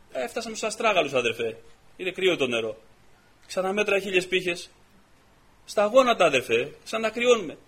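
A man preaching a testimony sermon to his congregation, fervent and building up into loud, repeated exhortations. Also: very high-pitched. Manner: peppers stories with repeated "I say".

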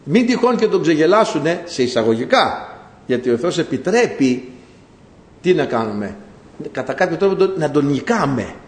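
A man preaches a lively, animated sermon, acting out the voices of the people he describes and of God with rising pitch. The hall is echoey.

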